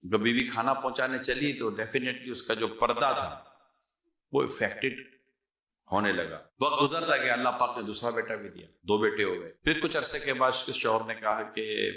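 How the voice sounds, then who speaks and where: A male preacher telling a moral story in a sermon, animated, acting out the characters and mixing in English words. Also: medium pitch. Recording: roomy echo.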